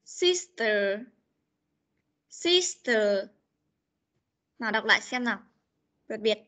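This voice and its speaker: A young English teacher with a bright, fairly high, animated voice runs a pronunciation drill online, slowly and patiently correcting and repeating words. The audio has the sound of a video call mic.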